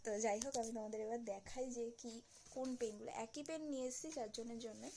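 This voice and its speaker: Young woman vlogger, hushed late-night chat into a phone at home, a little high-pitched. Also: steady tone, quick pace, creaky, a little hiss or hum. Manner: hushed, soft-spoken to avoid being overheard.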